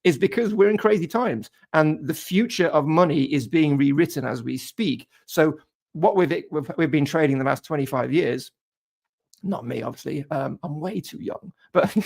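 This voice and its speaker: Forties male co-host, higher gravelly voice, rambling, talks things through. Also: moderate pace, darkish tone. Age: 40s. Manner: musing, repeats words, tags lines with "right?". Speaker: trading co-host. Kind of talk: casual market discussion.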